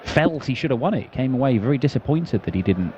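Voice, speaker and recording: A man's voice: mid-range voice, animated, fast talker, mellow, muffled recording, slight background noise. A man giving live darts commentary as a broadcast commentator.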